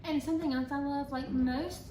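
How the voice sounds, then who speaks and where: A woman's voice: high voice, fairly even intonation, moderate pace. A woman chatting casually as a talk show guest, who has trouble saying her R's, which sound like W's. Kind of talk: casual chat. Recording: echoey room, clear background noise.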